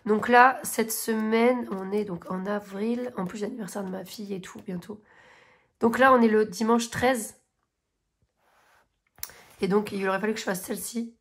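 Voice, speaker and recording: A woman's voice: mid-range voice, steady tone, moderate pace, pauses often. Chatty French woman gushing over books. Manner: chatty and gushing, with many fillers and restarts. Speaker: coloring vlogger. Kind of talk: casual chat showing coloring books and finished pages.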